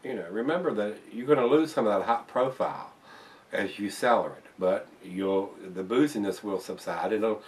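A man's voice: lowish voice, normal speed, distant mic. An older man casually reviewing a beer to camera in his home bar, rambling with fillers and restarts. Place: home bar room, indoors.

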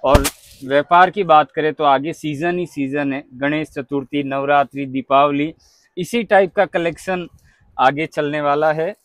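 Excitable man touring a saree shop. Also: a little high, measured pace, dry recording. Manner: excitable, keeps repeating exclamations of praise. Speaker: market vlogger. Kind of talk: casual showroom walkthrough.

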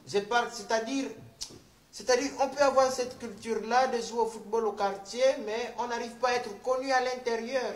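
Man playing earnest halting comic pundit, high voice, echoey room with faint hiss. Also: steady tone. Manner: earnest, halting, repeats himself. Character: comic male pundit called Petit Jésus. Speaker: comic columnist.

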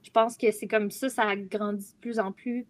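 A young adult woman with a Quebec French accent, a guest columnist on a youth talk show, chats casually in a group discussion over a video call from home. Her mid-range voice holds a steady tone at a moderate pace.

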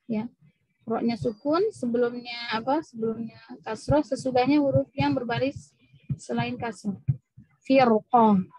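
A woman's voice: on the high side, darkish tone, breathy edge, dry recording, rough recording. A woman teaching Quran recitation rules at a mosque women's session, patiently drawing out Arabic example words. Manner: patient, drawn-out demonstration of Arabic sounds. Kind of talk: tajweed lesson with recited examples.

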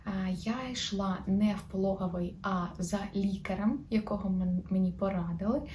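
A young woman from Ukraine tells her story in a casual, open vlog. Her voice is mellow and warm rather than bright. A faint hiss sits under the recording. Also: mid-range voice, fairly even intonation. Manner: chatty and open, quick soft laughs. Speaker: vlogger, new mother.

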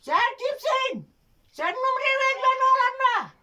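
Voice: extremely high pitch, animated, unhurried, heavy background noise. A performer voicing a confused, insistent elderly villager with an Aegean Turkish accent, rambling and repeating themselves in a prank phone call. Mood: insistent, muddled. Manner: rambling, repetitive, colloquial village speech.

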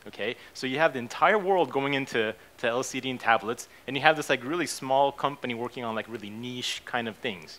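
A man's voice: medium pitch, fairly bright tone. A man, giving a casual conference talk on stage, full of fillers and "okay?" and "right?" checks. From born in Japan, raised in the United States. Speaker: keynote speaker, company CEO. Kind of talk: conference presentation. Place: conference stage in a hotel hall.

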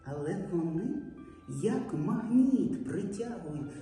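A middle-aged woman teaching young children in a large hall, speaking slowly and stretching out words for them. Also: medium pitch, expressive, dark tone. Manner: slow, drawn-out speech, stretching words for children. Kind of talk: early-years classroom lesson. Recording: echoey hall, voice from far off, faint music.

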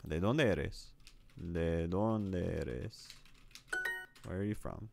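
Music plays behind this man, whose gravelly, low voice moves very slowly. He's a streamer learning Spanish, casually talking through a language app, saying the sentences aloud and correcting himself with small laughs.

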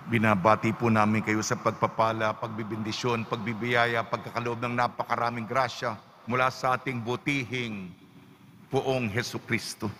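Priest preaching in an echoing church. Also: male voice, mid-range voice, little pitch movement, moderate pace, sharp tone, a little hiss or hum. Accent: Filipino. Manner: solemn, emphatic preaching. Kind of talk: gospel reading and homily. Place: large church. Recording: echoey church with long reverb.

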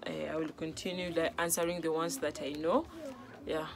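Her voice sits low and her delivery is flat and a little quick. She's a young Kenyan woman, native in Luo, running a vlog where she explains phrases to camera from a couch in a small home room, chatting casually, repeating things and regularly checking comprehension.

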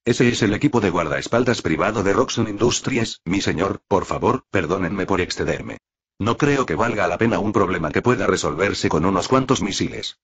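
A man voicing a loyal armored male android who briefs his master in a measured, deferential way. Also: sits low, animated, slightly rough, lo-fi sound, full character voice. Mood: formal.

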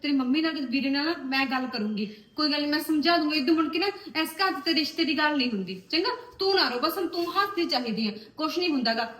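A woman's voice: high voice, a bit bright. An actress playing a caring young sister-in-law, coaxing and comforting a crying girl. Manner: soothing, coaxing. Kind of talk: web series drama acting. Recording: echoey room.

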